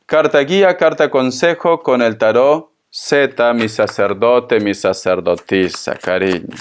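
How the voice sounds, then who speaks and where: A man's voice: medium pitch, slight background noise. A man giving a spoken tarot reading, talking to the listener in a consoling, tender way and repeating his phrases. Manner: slow, repetitive, consoling, addresses the listener tenderly. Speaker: tarot reader.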